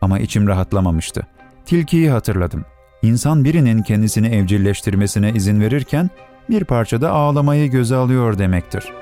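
A man reading a story aloud as narrator, in an expressive, melodic storytelling manner. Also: lowish voice, a little fast, faint music behind.

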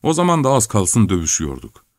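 Low-voiced male audiobook narrator, dry. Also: wildly swooping pitch, quick pace, a little mellow, no room sound. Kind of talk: scripted narration.

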